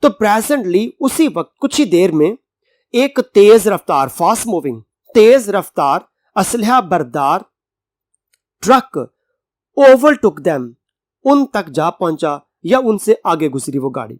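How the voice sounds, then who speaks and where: Slow Pakistani Urdu-accented male teacher. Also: high-pitched, very animated, no echo, studio quality. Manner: reads English lines slowly and word by word, then explains them in Urdu; gives synonyms and everyday examples. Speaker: English teacher. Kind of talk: college lecture explaining a reading passage.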